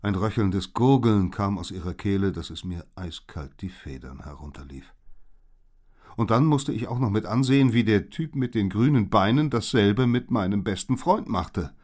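Male audiobook narrator, low register, very lively intonation. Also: normal speed. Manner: expressive, dramatic reading. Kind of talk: storybook narration.

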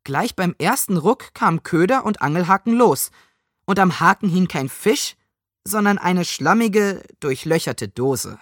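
A woman reading a children's story aloud in animated, lively narration. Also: lowish voice, unhurried, no room sound, clean studio sound.

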